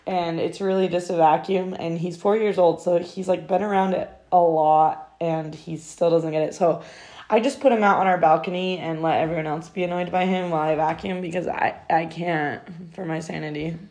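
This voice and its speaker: A young woman co-hosting a podcast, chatting casually at a slightly low pitch. She teases her partner and laughs easily as she talks. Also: fairly even intonation, normal speed, mellow. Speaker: podcast co-host. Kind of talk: casual chat.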